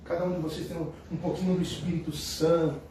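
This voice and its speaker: A man's voice: a little high, flat delivery, fast, warm tone, slight background noise. A middle-aged man with a Brazilian Portuguese accent, a bishop giving a homily in a conversational, emphatic style full of rhetorical questions. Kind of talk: sermon. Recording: echoey room heard from a distance.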